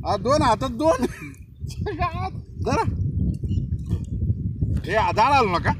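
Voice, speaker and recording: A man calling out excitedly to his friends while filming from a river, water splashing behind him. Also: extremely high pitch, extremely slow, noisy background. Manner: excited, calls out to companions. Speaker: channel host filming fishing. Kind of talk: casual chat while fishing. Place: outdoors, standing in a river.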